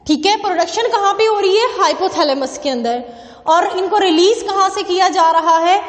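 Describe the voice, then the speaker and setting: A woman teaching a biology lecture who explains slowly, asks questions and answers them herself, and mixes English terms into Hindi. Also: very high-pitched. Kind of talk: classroom lecture. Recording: echoey room with long reverb.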